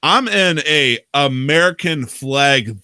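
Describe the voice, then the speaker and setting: A podcast host, a man with a bright, keen tone, casually rambling through a story with plenty of swearing and laughs. The sound is dry with no room echo. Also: fairly high pitch, animated, slow pace, clear, resonant tone. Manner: profane, rambling, laughs often. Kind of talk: casual storytelling about a roleplay game.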